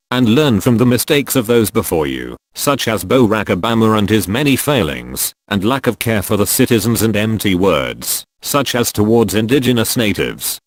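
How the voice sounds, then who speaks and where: Anonymous spokesman, male, voice disguised deep, grave and accusatory, dry close read. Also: dry recording. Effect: disguised deep voice, pitch-lowered. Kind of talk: scripted address.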